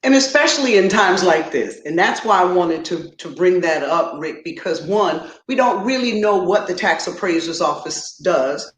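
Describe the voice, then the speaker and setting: A woman's voice: on the low side, animated, normal speed, few pauses. Chatty female host in an echoey room. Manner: chatty, encouraging questions. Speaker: talk show host. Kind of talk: interview.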